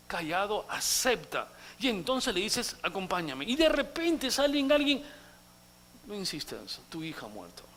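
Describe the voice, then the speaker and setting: A male pastor preaching a sermon dramatically, acting out quotes and swinging from loud outbursts to hushed asides, in a church. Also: high-pitched, a little hiss or hum.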